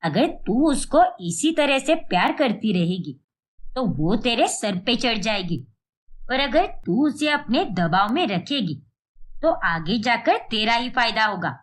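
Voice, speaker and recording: A woman's voice: fairly high pitch, very animated, a little slow. A woman as a bossy, scheming cartoon mother. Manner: scolding, insistent. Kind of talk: animated storybook voice acting.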